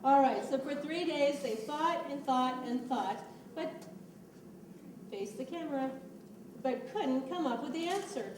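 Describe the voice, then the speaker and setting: A woman with a high voice narrates a story while coaxing children through their lines in a church skit. She is heard from a distance in an echoey church room. Steady background noise runs under her voice. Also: a little slow, pauses often. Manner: patient, coaxing instructions mixed with storytelling. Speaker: children's ministry leader directing a Bible skit. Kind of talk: narrating and stage-directing a children's play.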